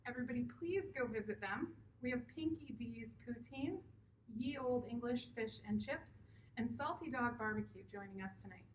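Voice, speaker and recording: A woman's voice: fairly high pitch, moderate pace. Lady doing drive-in movie welcome speech, thanking people formally, echoey pa, bit of noise. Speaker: board chair opening an event as speaker. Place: public event at a drive-in movie night. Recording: echoey, distant PA sound with faint noise.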